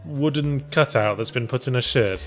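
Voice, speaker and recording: A man commenting on a video game in casual chat, with dry, sardonic, quick jokes. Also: mid-range voice, faint music behind. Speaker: let's play commentator.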